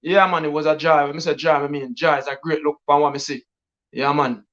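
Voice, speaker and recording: A man with a Jamaican accent hosting a casual live stream as a DJ. He speaks in a patois-laced, repetitive hype style full of shout-outs. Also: on the high side, flat delivery, fast talker. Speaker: DJ and livestream host. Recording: dull lo-fi stream audio.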